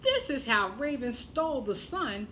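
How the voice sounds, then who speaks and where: A woman telling a children's tale as a storyteller, expressive and deliberate, with dramatic pauses. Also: high-pitched, slight background noise.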